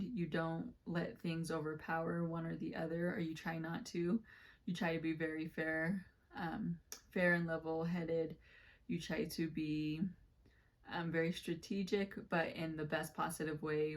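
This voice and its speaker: A woman with a low, level voice that has a slight scratch to it, giving a casual tarot reading. She rambles along with plenty of fillers and keeps correcting herself. Her pitch stays even and rarely climbs. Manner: rambling, warm-hearted, many fillers and self-corrections. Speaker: tarot reader.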